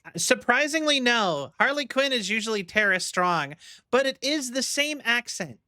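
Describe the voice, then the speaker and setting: A man's voice: very high-pitched, very animated, moderate pace, bright, forceful tone, no room sound, clean studio sound. A young man livestreaming a game, musing aloud in a rambling, casual way. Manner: rambling, musing, many fillers. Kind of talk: casual chat while gaming. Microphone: streaming mic.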